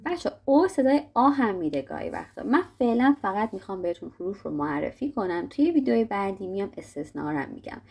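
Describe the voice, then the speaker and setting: A young woman teaching a casual video lesson, talking to viewers in a friendly way and sounding out letters slowly. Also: mid-range voice, very animated, creaky, a little mellow, breathy edge. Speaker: English teacher.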